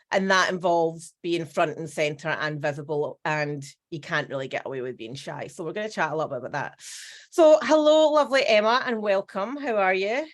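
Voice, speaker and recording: A middle-aged Scottish woman hosting a casual podcast chat, with a self-mocking, dramatic way of talking. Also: mid-range voice. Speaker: podcast host.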